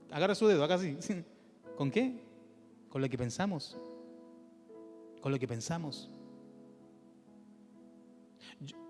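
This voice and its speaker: High-voiced Chilean pastor preaching in church. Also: male voice, long reverb tail. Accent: Chilean Spanish. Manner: animated preaching with rhetorical questions, drops to a soft low voice for emphasis. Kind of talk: sermon.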